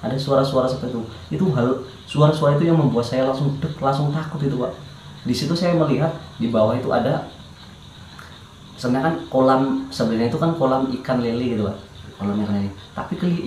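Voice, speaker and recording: A man's voice: mid-range voice, darkish tone, echoey room, a little hiss or hum, rough recording. A man, a guest telling his life story in a hesitant, casual way with fillers and restarts.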